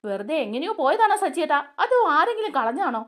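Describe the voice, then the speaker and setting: A woman's voice: sits high, very animated, quick pace, a bit bright. A woman voicing a brash young man who confronts and accuses others, in a raised, insistent voice. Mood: accusing.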